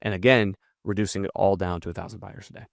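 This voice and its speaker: A man's voice: low voice, steady tone, fast, vocal fry, dry recording, studio quality. A man teaching copywriting in a casual breakdown, talking bluntly and swearing freely. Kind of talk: casual screen-share breakdown.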